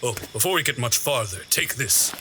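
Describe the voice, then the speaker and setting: A stern and watchful lord, voiced by a man, guides his companion in a fantasy audio drama, his commands formal and archaic and his mood composed. The voice is mid-range and animated, pushed and bright, at a moderate pace over slight background noise.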